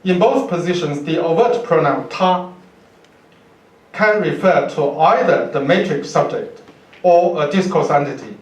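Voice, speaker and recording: In an indoor university lecture room, a male professor with a Chinese accent gives an academic talk from notes at the podium, halting and deliberate, repeating words. His slightly high voice is expressive, captured by a far camera microphone with roomy, distant pickup.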